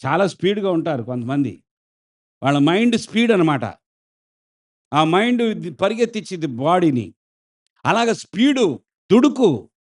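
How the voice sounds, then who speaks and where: Male pastor, high voice, lively preaching that asks the congregation for answers. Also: moderate pace, long pauses. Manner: animated, questions the congregation and acts out quotes. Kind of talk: sermon.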